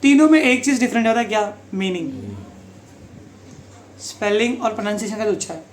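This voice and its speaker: Speaking fairly quickly in a high voice, this tutor quizzes his pupils on grammar, mixing English lines into Hindi and repeatedly checking with "समझा?". The sound bounces around an empty, echoey room over a faint background hiss.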